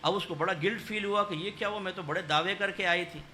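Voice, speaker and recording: A male Islamic preacher delivers a storytelling sermon. His voice sits high and sounds sharply bright, rising to loud exhortation and dropping to hushed narration, with a faint hiss of noise behind it.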